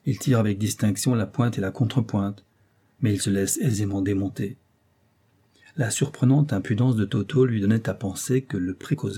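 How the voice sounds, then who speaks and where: A man narrating a novel as an audiobook in a measured, even storytelling manner. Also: fairly low pitch, husky. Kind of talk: scripted narration.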